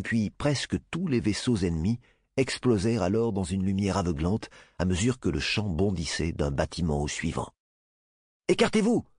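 A man narrating a novel as an audiobook in an expressive storytelling manner. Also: sits low, slightly rough, no echo, studio quality. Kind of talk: scripted narration.

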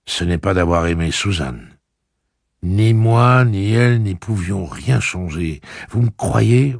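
A man reading an audiobook and voicing a proud young leader who speaks gravely and with contrition. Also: fairly low pitch, takes it slowly, no room sound, clean studio sound, voice pushed up, heavily acted. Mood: earnest.

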